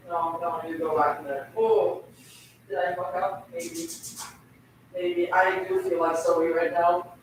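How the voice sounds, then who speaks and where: In a casual cooking live stream from her home kitchen, a young woman from Turkey talks with her audience and to the food, giggly and chatty. Her voice is on the low side. The mic is set back in an echoey room, with slight background noise.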